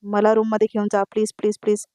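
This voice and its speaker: A woman's voice: mid-range voice, monotone, rapid-fire, dark tone, no echo, studio quality, close to an everyday voice. A woman voicing a frightened young girl who speaks hesitantly. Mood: fearful. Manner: hesitant, fearful.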